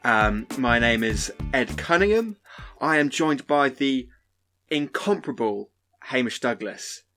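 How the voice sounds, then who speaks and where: A man hosting a film podcast in a relaxed, joking way, with frequent fillers and restarts. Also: mid-range voice, a little slow, soft background music. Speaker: podcast host. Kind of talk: casual podcast chat.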